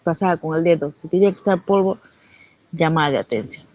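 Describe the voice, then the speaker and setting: A woman's voice: low voice, quick pace, darkish tone, muffled recording. A woman student, telling a chatty story about a former boss in class. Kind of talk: classroom anecdote.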